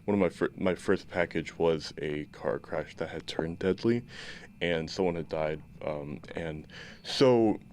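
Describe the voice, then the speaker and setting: A young man with a very deep voice asks his question haltingly, full of fillers and restarts. There is a faint noise behind him. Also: darkish tone. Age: young adult. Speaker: journalism student asking a question. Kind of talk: hesitant question in class.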